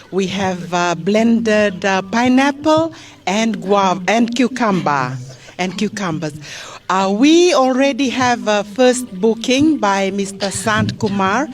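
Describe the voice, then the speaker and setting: Slow-paced Fijian woman presenting. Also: medium pitch. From Fiji. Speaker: beauty therapy demonstrator. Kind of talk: live presentation to visitors.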